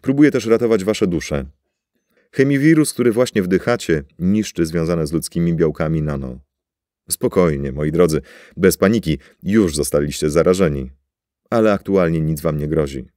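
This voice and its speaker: A male audiobook reader voicing a cold, composed woman scientist who speaks in a measured way. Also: sits low, mellow, dry recording, clean studio sound, close to an everyday voice.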